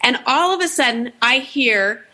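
A middle-aged woman co-hosting a chat show, telling a story in an animated way and jumping in over her co-host. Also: on the high side, measured pace. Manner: animated, interrupts to tell the story. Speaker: podcast co-host.

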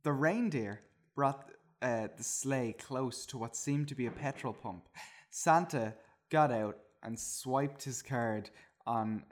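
A man's voice: medium pitch, slow pace. A man reading a comic story aloud, slipping into silly voices and often laughing. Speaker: reader of a comedy story.

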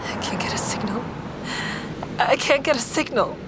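In this audio drama, a woman narrates in first person as a grieving character with a quiet streak of deception. The delivery is measured, introspective, lightly acted and guarded, set against a constant rumble of a vehicle.

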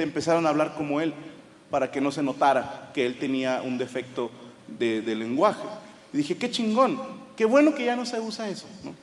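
A Mexican man with a Mexican accent performing stand-up comedy, telling a profane, animated story to a live audience. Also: a little high. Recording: live hall with crowd and noise. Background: audience laughter and murmur.

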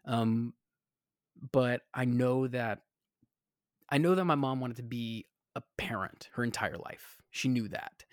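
A man's voice: medium pitch, slow, no room sound, clean studio sound. A man raised in the American South, telling stories in a casual chat, full of fillers and restarts. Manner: rambling with many fillers and restarts.

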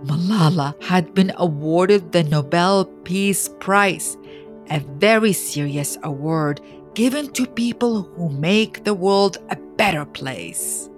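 Faint music sits behind a woman's fairly low voice as she narrates a scripted storybook biography. She reads with measured expression and pauses for dramatic effect.

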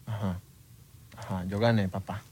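A man's voice: fairly low pitch, flat delivery, normal speed, a little mellow, slightly rough. A young man co-hosting a podcast, talking in playful, laid-back casual chat. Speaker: podcast co-host.

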